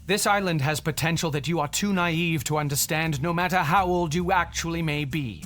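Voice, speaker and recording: A man's voice: fairly high pitch, normal speed, fairly bright tone, faint music behind, natural voice. An actor playing an embittered, commanding man turned ship's captain, formal and imperious in an audio drama. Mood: accusing.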